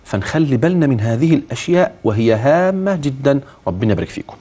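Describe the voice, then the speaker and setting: Lively Egyptian sheikh teaching recitation. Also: male voice, mid-range voice. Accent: Egyptian Arabic. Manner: didactic, asks and answers his own questions, chants verses slowly. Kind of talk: TV recitation lesson, explaining and demonstrating. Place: TV studio.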